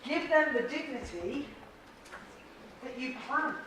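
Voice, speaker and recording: This Irish woman speaks slowly in a high, expressive voice while leading a presentation-skills workshop for a live group, friendly and encouraging, often laughing and questioning the room. Heavy background noise accompanies very echoey, distant audio from a large, echoey training room.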